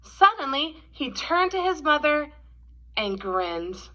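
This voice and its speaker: A woman reading a story aloud to young children in an expressive, teacherly way. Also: high voice, slow pace. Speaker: storybook reader. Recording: dull, lo-fi sound.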